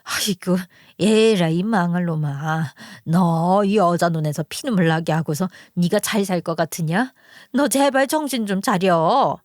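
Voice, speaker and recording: Woman voicing an elderly mother-in-law, wailing, scolding, drawn-out delivery, dry close sound. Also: lowish voice, no echo, natural voice. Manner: lamenting, scolding her son.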